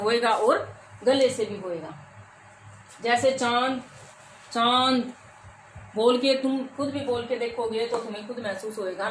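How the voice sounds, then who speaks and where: A woman with a somewhat high voice teaches a grammar class. She poses questions and answers them herself, repeating each term. Her voice rings in an echoey room over a faint background hum.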